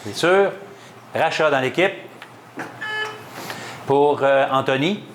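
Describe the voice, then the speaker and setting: A man with a Québécois accent hosting a school quiz game, reading questions and ruling on answers at a quick clip. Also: mid-range voice, lively intonation, music in the background. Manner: brisk, quick-paced quizmaster, reads questions and rules on answers. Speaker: quiz show host.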